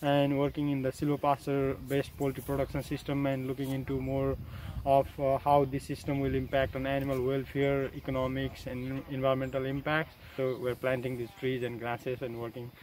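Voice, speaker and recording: A man's voice: mid-range voice, completely flat delivery, moderate pace, hardly any pauses, darkish tone, slight background noise, rough recording. A man from Nepal, a graduate student, introducing his research in an eager, earnest way outdoors. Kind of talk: self-introduction in an interview. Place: outdoors on a farm pasture.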